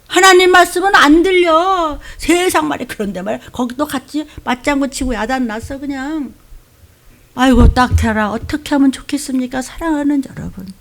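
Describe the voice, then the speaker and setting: A woman pastor preaches a scolding sermon in a somewhat high, gravelly voice. She swings between loud outbursts and hushed whispers. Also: moderate pace. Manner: mimics churchgoers in mocking quoted voices. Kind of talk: fiery sermon.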